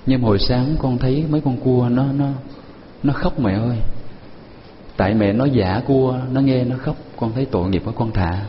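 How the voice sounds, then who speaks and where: A man voicing a frightened, soft-hearted young boy in an earnest, pleading way. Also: mid-range voice, normal speed, in a large hall, slight background noise, close to an everyday voice. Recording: dull lo-fi recording with music.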